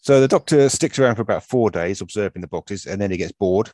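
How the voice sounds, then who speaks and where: A man co-hosting a podcast in casual fan chat, talking in a measured, musing, self-deprecating way. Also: on the low side, expressive, background noise. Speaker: podcast co-host.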